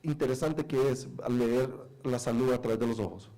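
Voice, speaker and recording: A man's voice: medium pitch, normal speed, mellow, poor audio. A man working as a consecutive interpreter at a lecture, rephrasing hesitantly as he goes.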